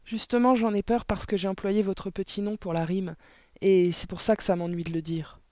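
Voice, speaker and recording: A man voicing a clever, polite little girl pupil in an audiobook, earnest and matter-of-fact, raising his pitch for her. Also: little pitch movement, normal speed, warm tone, no room sound, natural voice. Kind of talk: audiobook character voice.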